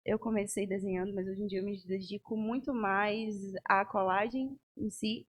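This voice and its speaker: A woman's voice: medium pitch, fairly even intonation, moderate pace. A woman from Manaus, a guest artist in a casual podcast conversation, reflecting and thinking aloud. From Manaus, Brazil.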